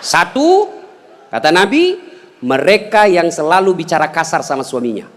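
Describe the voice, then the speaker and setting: A man giving a humorous, teasing sermon to a crowd, emphatic and rousing, with shouted calls to the audience. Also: fairly high pitch, very animated, moderate pace, slight background noise. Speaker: preacher. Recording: echoey hall.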